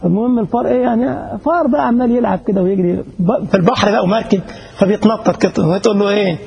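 A man's voice: high-pitched, rapid-fire, creaky, darkish tone, highs cut off, a little hiss or hum. A middle-aged man with an Egyptian Arabic accent, preaching a sermon, telling stories and asking the congregation rhetorical questions with emphasis. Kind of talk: mosque sermon with storytelling.

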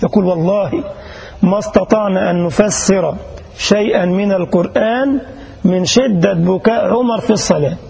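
Egyptian male preacher, impassioned, gravelly, high voice. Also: normal speed, warm tone. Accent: Egyptian Arabic. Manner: impassioned, dramatic storytelling with colloquial asides. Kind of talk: sermon storytelling.

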